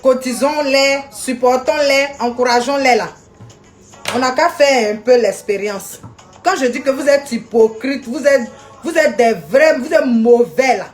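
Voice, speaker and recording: A woman's voice: high voice, a little slow, soft background music. A woman ranting indignantly on a live video stream, scolding people and greeting viewers by name.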